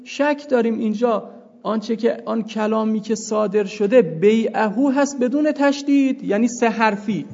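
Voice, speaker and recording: A male seminary teacher explains a point of law step by step, raising questions and answering them himself. His voice sits high and has a gravelly edge. The recording is dull and lo-fi, with a long reverb trailing behind him. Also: a little mellow. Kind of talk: jurisprudence lecture.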